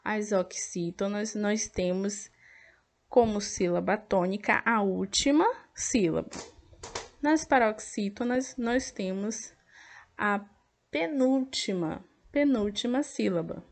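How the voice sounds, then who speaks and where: A woman teacher with a Brazilian Portuguese accent, patiently walking pupils through a workbook and sounding out each word clearly. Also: medium pitch, slow. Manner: patient, over-articulates words to count syllables. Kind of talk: slow classroom explanation of an activity book.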